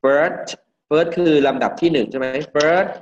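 A male English teacher from Thailand giving a classroom pronunciation lesson, drilling words slowly and repeating each one for the class. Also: fairly high pitch. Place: classroom with students. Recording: dull lo-fi classroom recording.

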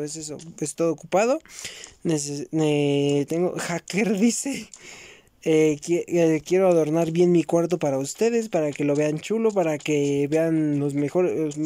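A young man with a Mexican accent, chatting casually with his viewers while he plays, slangy and swearing, with sudden loud outbursts at the game. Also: on the high side. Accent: Mexican Spanish. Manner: slangy and swearing, keeps saying bros. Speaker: gaming YouTuber. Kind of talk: casual gameplay commentary vlog.

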